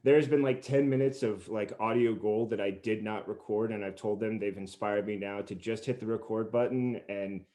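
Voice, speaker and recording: His voice is on the low side and dark, with a steady tone, normal speed and hardly any pauses. Hosting a podcast over a remote group call, he gushes wordily through a scripted introduction and casual interview chat with his guests.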